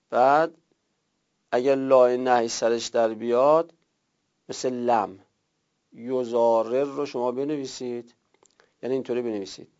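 Man, teacher, classroom lecture, gravelly, mellow dark tone, spells out words slowly step by step, muffled lo-fi recording. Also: mid-range voice. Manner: tells students to write things down. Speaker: teacher of Arabic grammar and Quran.

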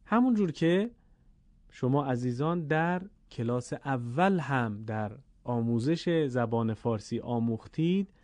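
This Persian-accented teacher has a slightly mellow, mid-range voice with lively intonation, recorded without room sound. In a classroom-style lesson on Quranic Arabic vowel lengths, he patiently draws out and repeats each sound slowly and deliberately.

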